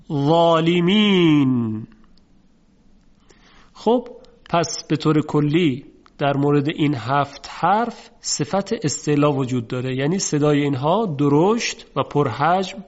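Man teaching Quran recitation, lo-fi. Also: a little high. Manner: slow, drawn-out demonstration of heavy letter sounds. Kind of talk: tajweed lesson. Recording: dull lo-fi recording.

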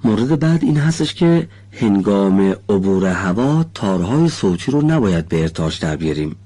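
A man teaching pronunciation in a studio lesson, polite and formal, patiently explaining and slowly stretching out syllables as he demonstrates. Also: fairly low pitch, sing-song, warm tone, slightly rough. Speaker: Quran recitation teacher.

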